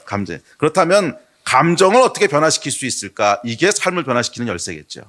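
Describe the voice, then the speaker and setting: A middle-aged man preaching a sermon as pastor, telling everyday stories with lively acted-out quotes. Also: medium pitch. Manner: lively storytelling sermon, bursts into shouted quotes. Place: church sanctuary.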